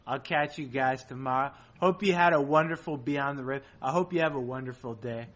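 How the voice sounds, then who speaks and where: Laid-back bright-voiced male podcast host. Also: mid-range voice, a little fast. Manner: laid-back, loose and chatty, signs off the show. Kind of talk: casual gaming podcast chat.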